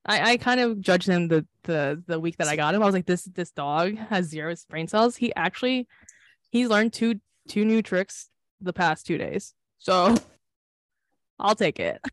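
A woman's voice: mid-range voice, expressive. A woman co-hosting a casual podcast over a video call, laughing often and swearing freely. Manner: laughing, profane, quick reactions. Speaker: podcast co-host.

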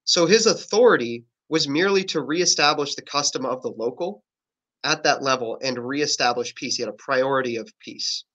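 A man's voice: mid-range voice, normal speed, fairly bright tone. A man explaining political ideas in a casual podcast discussion, earnest and often correcting his own wording. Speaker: podcast guest.

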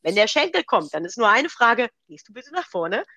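A woman's voice: on the high side, sing-song, moderate pace, pushed and bright, dry recording. A middle-aged woman coach explaining self-coaching exercises step by step in an interview, in a practical, example-driven way.

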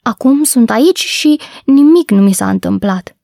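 A woman's voice: fairly high pitch, expressive, creaky, warm tone, no room sound, clean studio sound, pitched above the performer's own voice. Woman putting on an eager, chattering little girl. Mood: earnest. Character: cheerful, talkative, trusting young girl.

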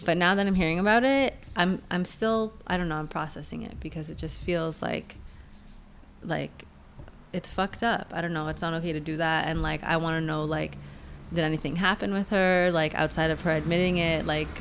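A woman's voice: deep voice, steady tone, normal speed, slight background noise. A woman chatting casually on a podcast, hesitant and searching for her words. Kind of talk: casual chat.

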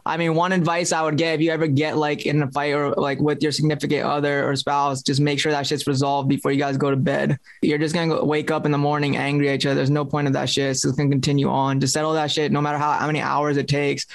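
A man's voice: a little high, little pitch movement, quick pace, creaky, few pauses, no echo. Laid-back man in casual chat. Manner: laid-back, loose, heavy on "like" fillers. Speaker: podcast co-host.

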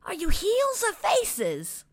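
A small, timid little man speaks in a breathy, high whisper full of wonder, as a woman puts him on. It is whispered role-play for a read-aloud storybook, soft and close. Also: wildly swooping pitch, takes it slowly, heavily acted. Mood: awed hushed.

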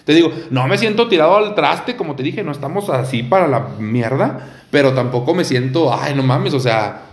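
Mexican male podcast co-host, high and animated, casual slangy storyteller, roomy recording. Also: normal speed. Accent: Mexican Spanish. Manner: slangy, laughing, lively storytelling. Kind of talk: casual chat.

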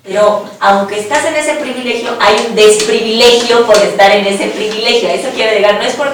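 Middle-aged Mexican woman, panel speaker, blunt and lively, slightly high voice, heard from across an echoey room. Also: a little fast, slight background noise. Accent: Mexican Spanish. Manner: frank, animated, swears casually. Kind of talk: candid personal testimony in a discussion. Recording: echoey room, voice distant from mic.

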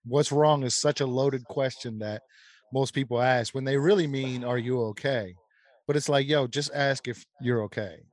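A man co-hosting a podcast in casual chat, relaxed and conversational. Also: medium pitch, moderate pace. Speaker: podcast co-host.

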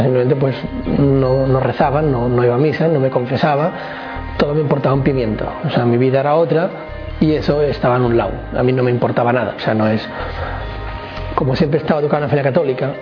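Over music, a man in his twenties from Barcelona, Spain, tells his life story as an interview guest in a casual personal testimony. He speaks fast in a steady, mid-range voice with the highs cut off, rambling and restarting often.

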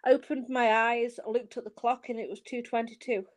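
A woman's voice: a little high, fairly even intonation, moderate pace. A woman guest on a podcast, a tarot reader and coach, earnestly telling her story in casual chat and often restarting her phrases.

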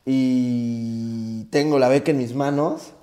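A man's voice: medium pitch, steady tone, slow, dark tone. A young man from Tabasco with a Mexican accent, a rapper telling his story in a casual interview in an earnest, reflective way. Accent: Mexican Spanish. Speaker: guest, rapper.

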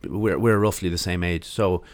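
An Irish-accented man in his late thirties hosting a casual interview podcast with informal, halting phrasing. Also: deep voice, steady tone. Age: late 30s. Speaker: podcast host.

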